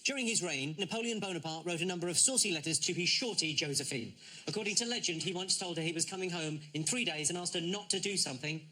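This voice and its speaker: A man hosting a comedy quiz show, reading scripted questions with dry, deadpan jokes. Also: high-pitched, fast. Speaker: quiz host.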